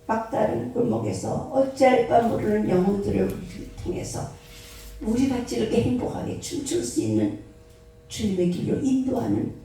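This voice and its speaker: A woman in her sixties, a pastor, preaching a sermon and telling a story with lively, acted-out scenes. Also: a little high, moderate pace, creaky, a little hiss or hum. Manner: animated storyteller acting out scenes. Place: prayer retreat hall. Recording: echoey hall, voice from far off.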